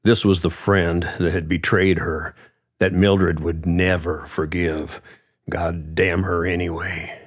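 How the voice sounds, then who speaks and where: A man narrating a story in a calm, measured reading. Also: low-pitched. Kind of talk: audiobook narration. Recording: dull lo-fi recording.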